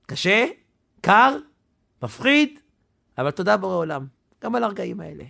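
A man preaching a sermon, telling a story dramatically, swinging from loud to hushed. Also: sits high, very animated, creaky.

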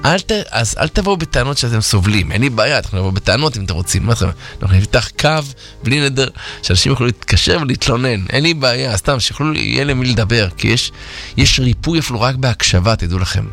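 A man's voice: medium pitch, animated, vocal fry, a bit bright, faint music behind. A man guiding listeners through a self-help exercise, teaching in a rhetorical, playfully teasing way. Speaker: self-help workshop instructor. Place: radio studio.

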